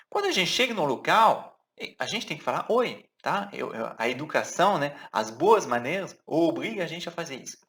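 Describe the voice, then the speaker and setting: A man with a French accent gives an online language lesson. His pitch moves a lot, rising and falling as he stresses points. He explains patiently and says key words slowly so learners can follow. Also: a bit bright. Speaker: French teacher.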